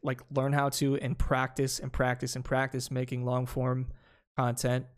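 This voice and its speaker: A man's voice: mid-range voice, monotone, moderate pace. A man who is a small streamer, talking casually in a podcast chat and rambling with lots of fillers and restarts.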